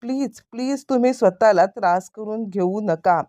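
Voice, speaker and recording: A woman narrator voicing a worried wife who urgently and soothingly begs her husband to calm down. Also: mid-range voice, moderate pace, no room sound, natural voice.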